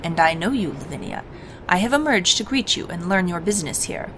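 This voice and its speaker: A woman's voice: lowish voice, expressive, fairly quick, fairly bright tone, slight background noise, poor audio. A woman voicing a pompous male wizard advisor from a game, with solemn, theatrical, hammy stage delivery, falsely subservient. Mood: solemn, formal. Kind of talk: video game dialogue read-aloud.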